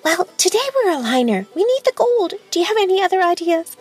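A man's voice: very animated, brisk, faint music behind. A man doing a chirpy young woman engineer. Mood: determined. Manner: chirpy, upbeat, very high falsetto. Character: young woman ship engineer, bright and eager.

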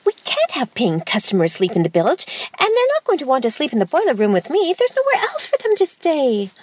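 A man voicing a bright, eager young female ship engineer in a high falsetto. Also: huge pitch swings, brisk, dry recording, full character voice. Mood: cheerful. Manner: chirpy, upbeat, very high falsetto.

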